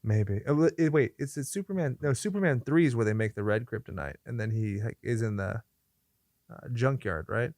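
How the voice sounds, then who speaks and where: A man's voice: medium pitch, a little fast, a little mellow, no room sound, studio quality. A man hosting a podcast in casual chat, riffing in crude joking rants full of swearing. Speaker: podcast host.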